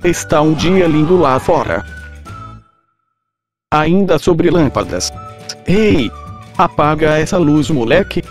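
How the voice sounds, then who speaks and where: A man voicing a generic mad scientist with a robotic voice, giving a scripted deadpan lecture. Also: fairly high pitch, slow pace, long pauses, faint music behind. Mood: lecturing. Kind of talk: comedic scripted explainer.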